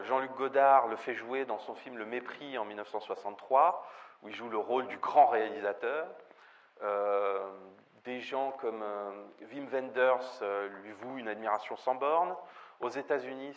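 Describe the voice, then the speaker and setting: A man giving a spoken film lecture, often hesitating with fillers and restarts. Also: lowish voice. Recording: dull lo-fi recording with faint ambient noise.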